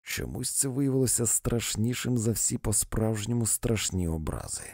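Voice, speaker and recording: A man reading a story aloud in an expressive, dramatic audiobook narration. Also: on the low side, moderate pace, no echo, clean studio sound. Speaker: audiobook reader.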